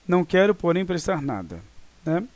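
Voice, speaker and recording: A man teaching a class, with a fairly high voice for a man. He explains patiently and keeps checking that his students follow. The sound is close and dry. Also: sing-song, a little mellow, no room sound. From Brazil. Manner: explains slowly with frequent check-in tags. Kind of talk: recorded online class.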